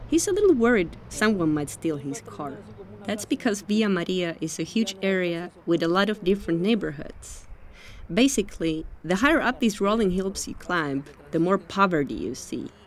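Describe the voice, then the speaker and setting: A woman from Finland reading a scripted documentary narration as a reporter, calm and measured. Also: lowish voice.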